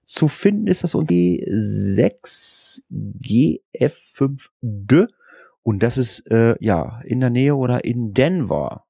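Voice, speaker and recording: A man from Germany hosting a casual podcast, talking quickly and tripping over his words. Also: mid-range voice, big pitch swings, creaky, mellow, husky, dry recording, clean studio sound. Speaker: podcast host.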